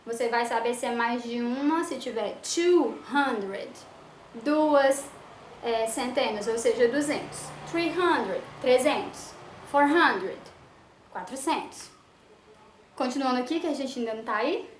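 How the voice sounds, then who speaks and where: A woman English teacher giving a slow, patient lesson, drawing out her explanations. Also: on the high side, a little hiss or hum. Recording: echoey room with faint ambience.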